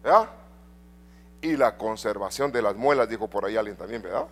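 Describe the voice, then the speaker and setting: Lively Spanish-speaking preacher man. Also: fairly low pitch, a little fast. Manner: animated preaching, swinging loud and soft; addresses congregation with rhetorical questions. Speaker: pastor. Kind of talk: sermon. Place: church.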